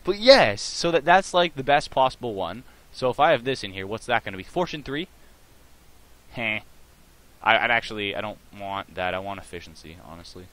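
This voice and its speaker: A man giving casual, rambling gameplay commentary, full of fillers and restarts, with bursts of excitement. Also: lowish voice, brisk, low-quality recording. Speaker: let's play host.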